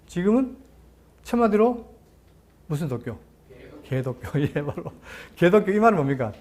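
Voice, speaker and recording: A man's voice: high-pitched, darkish tone. A middle-aged man, a pastor, teaches a Bible lecture sermon. He asks his congregation questions and answers them himself, and he reads scripture aloud in a formal recital.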